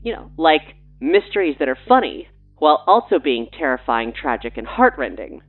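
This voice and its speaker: With a deep, sing-song voice at an ordinary pace, this woman plays guest on a mock radio show, where she's a showrunner and writer plugging her work with breezy, pushy, playful chatter. It sounds like it's coming through a phone.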